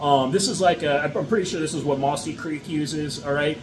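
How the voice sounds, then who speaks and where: Middle-aged man, mushroom farmer, casual how-to talk, voice a bit high, lots of "all right?", steady room noise. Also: brisk. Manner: chatty, peppered with "okay?" and "all right?". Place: indoor farm room with grow shelves.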